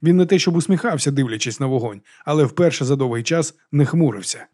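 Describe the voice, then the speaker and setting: Man reading an audiobook, calm and steady. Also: mid-range voice, fast talker. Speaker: audiobook narrator. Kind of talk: scripted narration.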